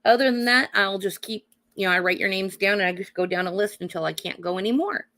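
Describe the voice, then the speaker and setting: A woman with a cold, her voice going hoarse, giving live psychic card readings and calling her viewers honey and darling while checking in with "okay?". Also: medium pitch, fast, a bit bright. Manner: calls viewers honey and darling, adds "okay?" tag questions.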